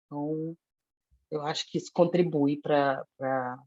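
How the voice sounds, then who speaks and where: A woman with a Brazilian Portuguese accent, a guest in a casual podcast conversation, telling stories with lively, blunt, foul-mouthed energy. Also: sits low, unhurried, muffled recording. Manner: animated storyteller, self-described foul-mouthed.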